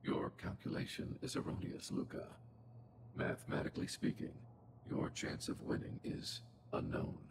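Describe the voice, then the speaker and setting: An actor playing an old, outdated robot in a video game, calm and coldly logical, speaking formally through a robotic filter. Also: male voice, moderate pace, background noise. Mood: solemn, analytical. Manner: formal, literal, calculating speech. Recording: loud game music behind. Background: game music.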